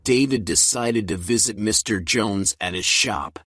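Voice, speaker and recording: A man with a low voice narrating a graded story for beginners. His reading is clear and even, and a faint hiss sits behind it. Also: a little slow. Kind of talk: slow storybook narration for learners.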